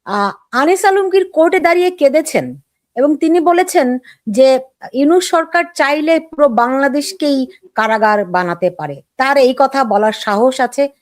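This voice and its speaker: A middle-aged woman hosts a political talk show and asks probing questions in an easy conversational tone. Her voice is a little high, and it sounds dry and close to the mic. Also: expressive, moderate pace, no room sound.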